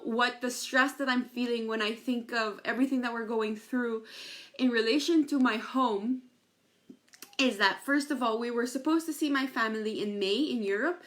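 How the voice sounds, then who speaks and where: A woman's voice: on the high side, fairly bright tone. A woman in her thirties from the Philippines, a parenting coach, talking casually to viewers on a live stream from her apartment and often checking in with "right?". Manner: chatty, frequent "um" and "right?" check-ins. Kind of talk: casual Facebook Live talk. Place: apartment at home.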